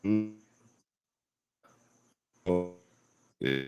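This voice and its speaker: A man's voice: low voice, drawn-out words, a little mellow, clear, resonant tone, soft background music. Man with a robotic, breaking-up call voice. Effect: robotic, metallic glitching from a breaking-up call connection. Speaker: co-host of a wrestling talk show. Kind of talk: casual chat over an online call. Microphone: online call.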